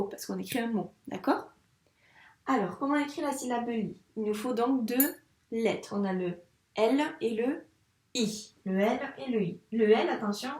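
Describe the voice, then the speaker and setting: A primary school teacher, a woman, guiding a young child through a handwriting lesson in a patient, encouraging way, saying each sound slowly as she writes. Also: a little high, a little mellow. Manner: says sounds slowly while writing. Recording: echoey room, mic at a distance.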